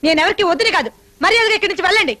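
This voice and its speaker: An actress playing a sharp, indignant dance teacher and wife in a family film drama. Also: female voice, extremely high pitch, animated, rapid-fire, full character voice. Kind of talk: Telugu film dialogue.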